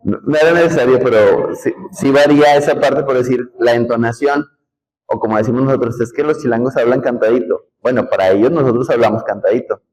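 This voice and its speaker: A man's voice: mid-range voice, fairly quick, a little mellow, low-quality recording. Northern Mexican man teaching a class. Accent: northern Mexican, Nuevo León. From Nuevo León, Mexico. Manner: conversational, explaining, asks the class questions. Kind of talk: classroom lecture.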